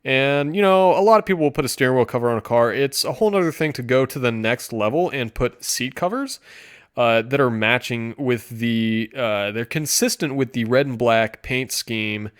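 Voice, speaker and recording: A man giving sarcastic commentary, deadpan with mock-enthusiastic outbursts. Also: mid-range voice, moderate pace, smooth. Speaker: streamer reviewing car listings.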